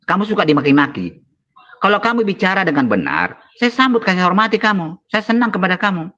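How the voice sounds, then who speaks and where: A man's voice: high-pitched, sing-song, fairly quick, bright, forceful tone, lo-fi sound. A man, a pastor, angrily scolding and insulting his opponent in a heated debate. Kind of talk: heated online religious debate.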